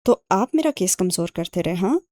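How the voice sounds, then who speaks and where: A woman's voice: on the low side, sing-song, warm tone, no room sound, clean studio sound. A woman reading an audiobook and voicing an indignant young man who fires accusing questions. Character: indignant young man, quick-tempered brother.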